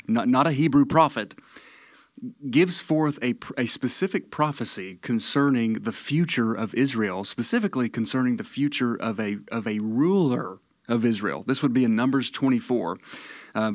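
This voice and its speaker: A man's voice: mid-range voice, no room sound, studio quality. A man from Tennessee with a Tennessee accent, hosting and teaching the Bible in a casual storytelling way, often repeating words.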